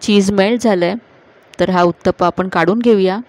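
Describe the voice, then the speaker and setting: A woman hosting a cooking channel, calmly narrating each step of a recipe to viewers in a voice-over. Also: mid-range voice, normal speed, dry recording. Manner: calm, instructive, addressing viewers directly.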